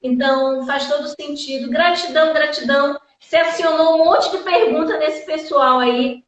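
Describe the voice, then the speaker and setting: A woman's voice: sits high, moderate pace. A woman hosting a live chat in an effusive, rambling, thankful way, heard from a distance. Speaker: live-stream host. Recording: echoey, distant, dull sound.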